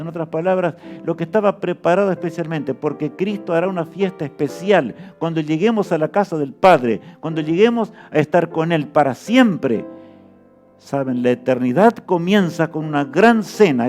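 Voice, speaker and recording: A man delivering a fervent sermon in a slightly high voice. He keeps turning to his listeners with rhetorical questions. Soft music plays faintly behind him. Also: expressive, normal speed. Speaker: preacher.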